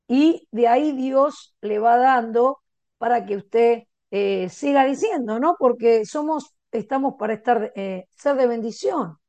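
Mellow Argentine woman pastor preaching. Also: on the high side, no echo. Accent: Argentine Spanish. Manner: earnest and encouraging, laughs between stories. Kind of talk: sermon with personal anecdotes.

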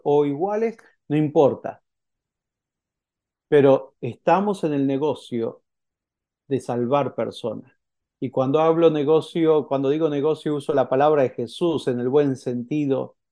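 A man preaching with a mellow, fairly high voice. He talks to the congregation as if chatting, tossing out rhetorical questions and restarting his sentences as he goes. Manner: halting, with frequent restarts. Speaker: pastor. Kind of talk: sermon.

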